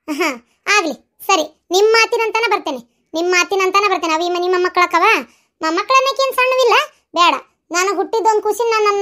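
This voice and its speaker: A very high, shrill voice of an earnest young village wife in a cartoon. She talks in a North Karnataka Kannada accent, rambling on and pleading. The delivery is plainly performed for a cartoon dub. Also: a bit bright. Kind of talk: cartoon dubbing.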